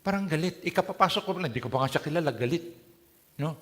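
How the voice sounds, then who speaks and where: Speaking fast and with animation in a somewhat high voice, this Filipino-accented preacher alternates Tagalog and English while questioning his congregation. The church hall setting adds a long, lingering reverb.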